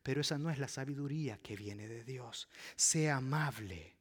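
A man preaching a sermon as pastor, acting out little dialogues, swinging from loud to a whisper. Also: mid-range voice, normal speed. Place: church with a live audience. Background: soft piano.

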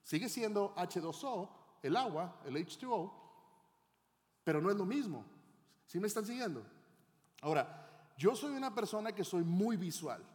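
A man's voice: sits high, big pitch swings, measured pace, pauses often, a little mellow. A middle-aged male pastor preaching a teaching sermon, often asking the congregation questions. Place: church hall. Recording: long hall reverb.

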